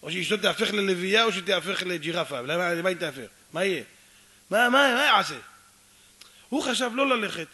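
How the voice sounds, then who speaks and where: Man, rabbi, storytelling sermon, high voice, a bit husky, animated. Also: hardly any pauses. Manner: animated, addresses audience often, acts out dialogue.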